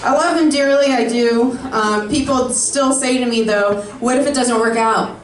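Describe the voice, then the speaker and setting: A moderate-paced, slightly high female voice comes through from a distance in an echoey comedy club. The thirtysomething comic is doing brash, sarcastic stand-up while the live audience laughs along.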